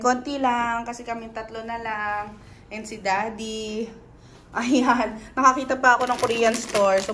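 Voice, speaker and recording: A woman's voice: on the high side, a bit bright, a little hiss or hum. A middle-aged Filipino woman vlogging casually on a phone in a condo, chatty and giggly. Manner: chatty, giggly, mixing English and Tagalog. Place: condo unit on a rainy evening. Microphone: phone held by the speaker.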